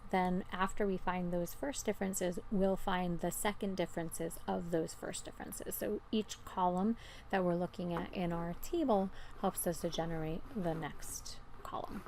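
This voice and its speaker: A woman's voice: medium pitch, normal speed, creaky, darkish tone, slight background noise, low-quality recording. A woman teacher giving an informal, step-by-step explanation in a recorded math lesson.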